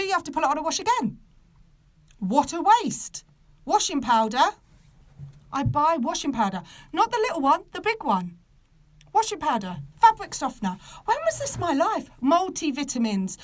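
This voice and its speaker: A British woman of about thirty with soft R sounds, ranting casually and comically to a live online audience in an exasperated, emphatic, sweary manner. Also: high-pitched. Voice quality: soft, non-rolled R sounds. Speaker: podcast host.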